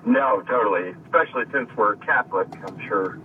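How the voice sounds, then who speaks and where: A man from Connecticut calling in over the phone, talking in a halting, deadpan way with lots of fillers. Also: lowish voice. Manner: hesitant, halting with many fillers, dry deadpan humor. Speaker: caller. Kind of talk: casual call-in chat. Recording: tinny distant phone line with faint hiss.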